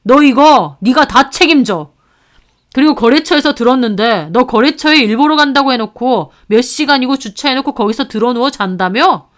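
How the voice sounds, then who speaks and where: A woman plays an angry, protective older brother in a story reading. He berates an employee in a loud, forceful voice, and the tone is clean and smooth. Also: high-pitched, lively intonation, a little fast. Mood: furious. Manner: furious, berating.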